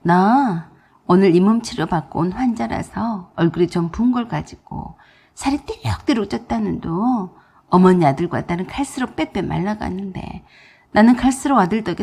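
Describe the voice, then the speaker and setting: A woman narrating a radio drama in a blunt, sharp-tongued way. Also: medium pitch, creaky, breathy edge.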